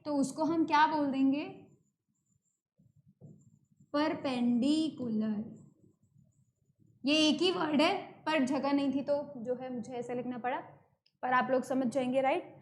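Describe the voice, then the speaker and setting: A woman's voice: high voice, flat delivery, normal speed. An Indian woman teaching an online math lesson, explaining step by step and repeating key terms, mixing English words into her talk. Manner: mixes English terms into Hindi.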